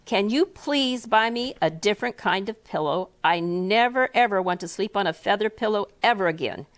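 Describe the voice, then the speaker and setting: A woman reading the lines of an excitable young boy in a children's story. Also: mid-range voice, moderate pace, natural voice. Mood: eager.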